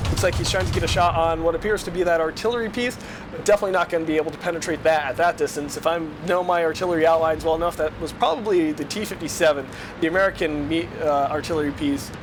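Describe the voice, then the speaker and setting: A man's voice: a little high, fast. A man giving casual game commentary in a rambling, self-correcting way, recorded on the go through a headset with poor audio quality. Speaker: gameplay commentator. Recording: lo-fi headset audio over music.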